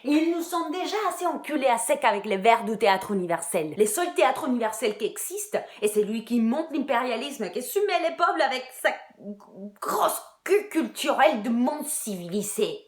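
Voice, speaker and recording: A woman's voice: a little high, very animated, normal speed, roomy sound. A woman playing a bitter, crude Irish woman. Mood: sardonic. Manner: crude, sardonic, drops to whispers. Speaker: actress in a one-woman show. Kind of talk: theatre monologue.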